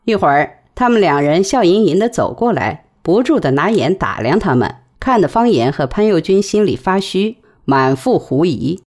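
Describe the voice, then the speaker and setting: Woman narrating a story audiobook, expressive, pitch all over the place. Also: moderate pace, few pauses. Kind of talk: novel reading.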